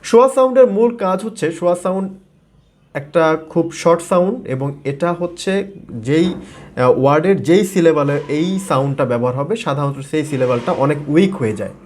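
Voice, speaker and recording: Fast-talking male pronunciation teacher. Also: on the high side, lively intonation, darkish tone. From Bangladesh. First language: Bengali. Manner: fast, repetitive teaching with fillers and modeled words. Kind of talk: explanatory video lesson.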